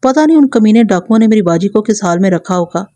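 A woman's voice: mid-range voice, expressive, warm tone, dry recording, lightly acted. A woman voicing an earnest, tearful young village man who speaks respectfully and anxiously.

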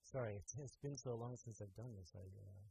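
A cellist chatting casually to viewers on a live stream, relaxed and apologetic with many fillers, his voice run through a reverb effect that sounds like a big hall. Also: lowish voice, fairly quick, gravelly, slight background noise. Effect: reverb effect on his voice, like a big hall echo. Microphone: plugged into an audio interface input.

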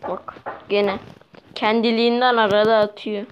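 A woman's voice: mid-range voice, level tone, normal speed, clear, resonant tone. A young woman giving casual commentary while playing a mobile game, chatty and easily exasperated as she talks to her viewers. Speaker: mobile gameplay vlogger. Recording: dull lo-fi sound with faint noise.

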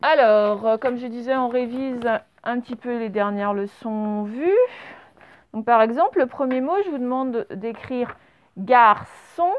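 A woman teaching young children a spelling and dictation lesson, speaking slowly and patiently and spelling words out letter by letter. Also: a little high. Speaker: primary school teacher. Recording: slightly dull, lo-fi home recording.

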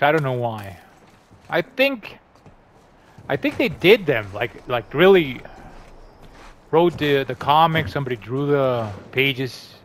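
A man hosting a gaming channel, chatting upbeat and rambling over his gameplay. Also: mid-range voice. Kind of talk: casual gameplay commentary.

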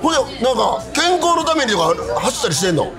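A man's voice: extremely high pitch, very animated, fast. A middle-aged man with a Kansai accent, chatting casually over drinks in a blunt, teasing, opinionated way. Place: outdoor pub table on a street. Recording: busy street crowd, background music.

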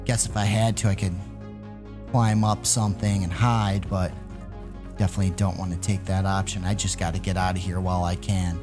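A deep-voiced man hosts a gaming video, talking briskly over music. His gameplay commentary is excited and full of exclamations, and he addresses his viewers with playful mock alarm.

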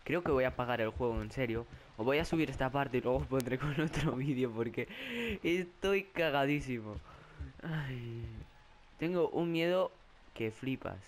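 A man's voice: medium pitch, moderate pace. A young man from Spain with a Spanish accent, narrating a horror game and getting jumpy, swearing and crying out in fright. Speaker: gaming YouTuber. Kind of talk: horror game let's play commentary. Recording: faint background noise.

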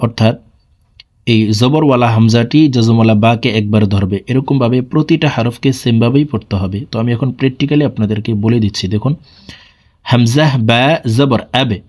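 Male Quran teacher with a mid-range voice, giving a slow, methodical spelling drill. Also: mid-range voice, darkish tone. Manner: slow, deliberate spelling drills, repeating syllables. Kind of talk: step-by-step recitation lesson.

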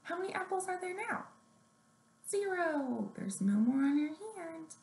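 Her voice is very high and very animated, yet measured in pace, with a creaky, darkish quality, as this thirtysomething woman hosts story time and gently guides young children with easy, upbeat directions. The webcam-style recording, made at arm's length, has a roomy echo and clear background noise.

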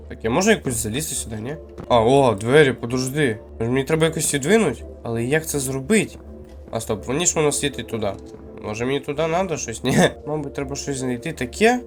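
A Ukrainian man giving excitable, jumpy commentary while he plays a horror game and mutters to himself. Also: medium pitch. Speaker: gamer playing a horror game. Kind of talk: live gameplay commentary. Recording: game music playing underneath.

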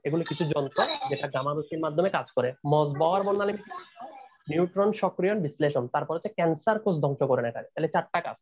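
A man's voice: high voice, a little mellow, highs cut off, a little hiss or hum. A young man teaching a chemistry class online, repeating key points and often checking that his students are keeping up.

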